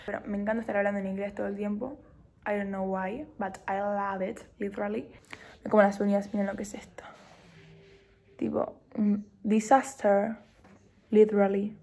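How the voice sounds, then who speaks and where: A woman's voice: mid-range voice, little pitch movement, fast, a little mellow. Young Argentine woman, casual chatty vlogger, self-mocking, mixes in English. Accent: Argentine Spanish. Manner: chatty, self-deprecating, slips in English words. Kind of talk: casual chat to camera.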